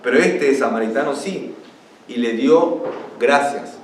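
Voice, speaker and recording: A man's voice: medium pitch, unhurried. A young male pastor preaches a sermon, repeating his key words and lifting his voice for scripture. His medium voice echoes around a roomy church hall, heard from some distance with a faint hum of ambience behind it. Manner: teaching, repeats key words, rises when reading scripture aloud.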